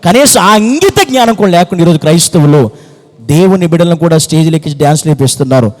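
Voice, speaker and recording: A man's voice: fairly high pitch, expressive, very fast, darkish tone, in a large hall. A man preaching a fervent sermon as pastor, repeating phrases and firing rhetorical questions. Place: church hall.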